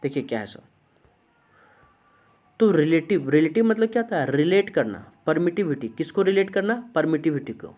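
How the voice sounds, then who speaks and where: A male physics teacher, giving a classroom lecture. He keeps asking the class questions, answers them himself, and slows down to dictate definitions. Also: a little high, lively intonation, a little mellow, muffled recording.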